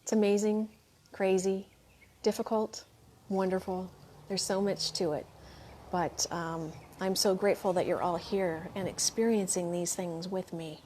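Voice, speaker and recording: A woman hosting a spiritual livestream, gushing over viewer comments and thanking everyone again and again while she clears her throat now and then. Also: lowish voice, steady tone, unhurried, dark tone. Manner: reads viewer comments aloud and answers them. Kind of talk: live chat after a meditation.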